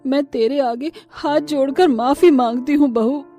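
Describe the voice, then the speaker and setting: A woman voicing a spiteful older mother-in-law in a storybook tale, who scolds in a shrill, nagging way. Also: a little slow, mellow, faint music behind. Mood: remorseful. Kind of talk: storybook voice acting.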